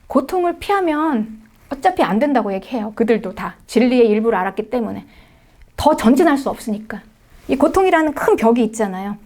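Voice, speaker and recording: A woman's voice: fairly high pitch, big pitch swings, a little fast, darkish tone. A middle-aged woman pastor preaching a sermon, emphatic, with frequent rhetorical questions and short affirming words to the congregation.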